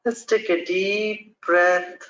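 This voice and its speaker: A speaker guiding a meditation with calm, measured breathing instructions. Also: medium pitch. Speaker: meditation guide. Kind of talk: guided meditation script. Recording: dull lo-fi recording.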